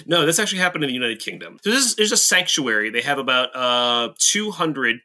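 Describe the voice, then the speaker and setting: A man's voice: mid-range voice, sing-song, fairly quick, bright, forceful tone. A man co-hosting a podcast, chatting casually, upbeat and laughing often. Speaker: podcast co-host. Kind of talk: casual chat.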